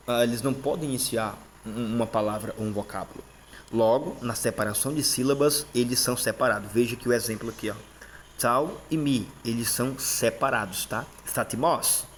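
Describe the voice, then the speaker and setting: A man with a Brazilian Portuguese accent walks through a lesson in a casual, patient way. He keeps checking in with his listeners and repeats each term as he goes. His voice sits at an ordinary middle pitch, with a faint hiss of noise behind it. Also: normal speed. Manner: frequent fillers and "tá?" checks, repeats terms. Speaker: teacher.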